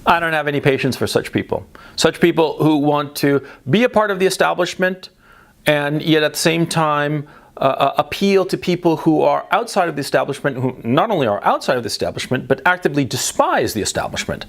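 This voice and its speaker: Gravelly-voiced man on a blunt rant. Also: a little high, animated, a little fast. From Chile and the United States. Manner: emphatic, blunt, repeats for stress; speech full of restarts and tag questions. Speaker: political commentator. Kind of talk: opinionated monologue.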